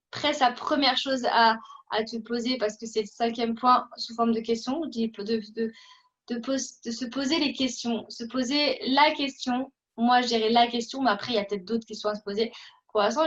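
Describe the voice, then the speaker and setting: A woman with a fairly high voice hosts a casual interview on acting. She talks hesitantly, full of fillers and restarts. The recording sounds dull and lo-fi. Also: fairly bright tone.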